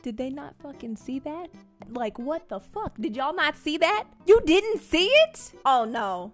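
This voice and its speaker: A woman with a very high, bright voice, commenting on a horror game for her stream. She swings around a lot in pitch, shouts at the characters and swears freely, then drops into chatty asides to her viewers. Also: animated, a little slow, soft background music. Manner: chatty asides to chat with "girl" and "y'all". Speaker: gaming streamer. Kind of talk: live gameplay commentary.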